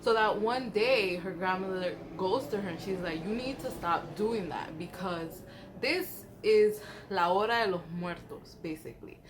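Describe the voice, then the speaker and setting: A woman's voice: medium pitch, a little slow. Woman telling spooky stories over background noise. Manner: chatty, slangy, acts out quoted dialogue. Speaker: storyteller. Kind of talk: casual spooky storytelling.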